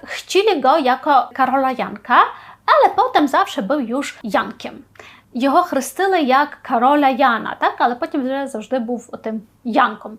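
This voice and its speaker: A woman teaching a language lesson online, explaining words one at a time, giving example sentences with translations and often checking in with a questioning "tak?". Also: high voice.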